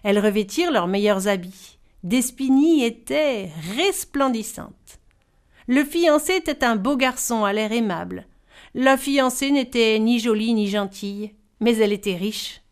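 A woman reading a fairy tale aloud as storyteller, expressive and varied in delivery. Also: fairly high pitch, a little slow, clear, resonant tone.

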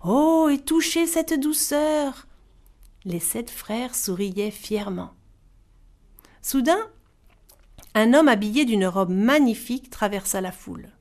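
Expressive woman reading a storybook. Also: medium pitch. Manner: expressive, varied voices for characters. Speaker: narrator.

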